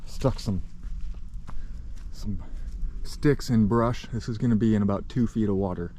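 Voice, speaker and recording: A mellow-voiced man walks and talks outdoors, a bit winded, explaining things in a loose, rambling way. He trips over his phrasing and restarts as he goes. Faint outdoor noise sits behind him. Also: on the low side, brisk. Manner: rambling, self-correcting, offhand. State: out of breath. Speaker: channel host. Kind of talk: casual outdoor walkthrough. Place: outdoors by a pond.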